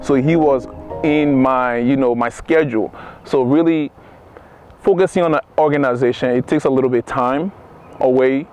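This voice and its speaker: A young man from Liberia, a nonprofit founder, answering interview questions in a measured, thoughtful way. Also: medium pitch, darkish tone. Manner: measured, thoughtful, some restarts. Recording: music playing behind.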